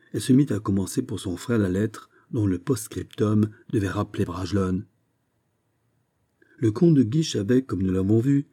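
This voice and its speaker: Brief: male audiobook narrator, measured literary read, very dark and mellow tone, husky edge. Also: lowish voice. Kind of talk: scripted narration of a classic novel.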